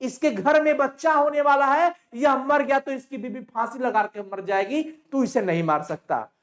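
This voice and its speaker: A man's voice: very high-pitched, moderate pace, voice pushed up. A man voicing an anguished poor village mother who pleads and cries out. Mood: pleading.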